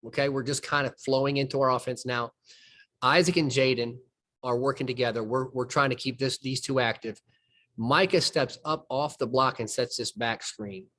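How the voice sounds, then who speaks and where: A man's voice: mid-range voice, fairly even intonation, moderate pace, a bit bright. A man, a basketball coach walking through game film and explaining plays step by step in a folksy way. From southern United States. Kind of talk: film breakdown conversation.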